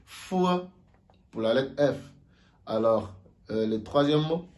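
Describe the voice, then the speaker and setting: A man giving a casual video lesson, slowly repeating sounds for learners to copy. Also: fairly low pitch, a little mellow. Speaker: language teacher.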